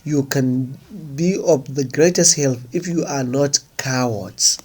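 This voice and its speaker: A man's voice: a little high, slow, darkish tone. A man reading the part of a proud, mocking desert prince with a commanding manner. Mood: sneering.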